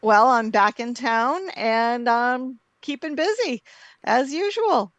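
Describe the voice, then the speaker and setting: A middle-aged woman co-hosts a talk show in a fairly high voice, full of playful banter. The recording is dry and close. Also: animated, takes it slowly, no room sound. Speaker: show co-host. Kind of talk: casual chat.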